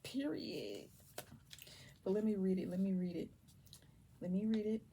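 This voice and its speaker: A young woman giving a casual tarot reading to viewers, keeping her voice down and slipping between low talk and soft whispers. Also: expressive, measured pace, gravelly, a little hiss or hum. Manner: holds her voice down on purpose. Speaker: tarot reader.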